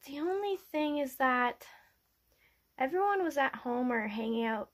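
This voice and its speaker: A woman's voice: high-pitched, expressive, unhurried. A young woman playing an earnest teenage girl superhero in casual cosplay banter, questioning and a bit flustered. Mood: probing.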